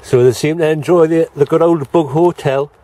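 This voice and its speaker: Un hombre de mediana edad con acento británico habla con naturalidad mientras recorre su huerto al aire libre, grabándose con una cámara en mano. Su voz es apagada y suave. Se oye un leve ruido exterior de fondo. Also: male voice, fairly high pitch, fairly even intonation, normal speed, warm tone, a little hiss or hum. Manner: chatty, plain-spoken, talks to viewers as he walks round. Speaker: allotment gardening vlogger. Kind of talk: casual walk-and-talk vlog. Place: outdoor allotment garden in light rain. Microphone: handheld camera, self-filmed.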